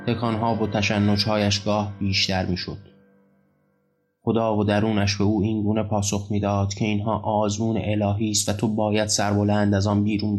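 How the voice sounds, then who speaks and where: A man narrating an audiobook in a calm, measured storytelling manner. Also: lowish voice.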